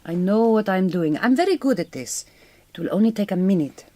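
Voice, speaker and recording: In a radio drama, an actress plays a direct, kind but quietly wounded Hungarian migrant farm worker, speaking carefully and reassuringly with a Hungarian accent. Her mid-range voice is lively in intonation, a little fast and close to everyday speech, with an eager, reassuring mood.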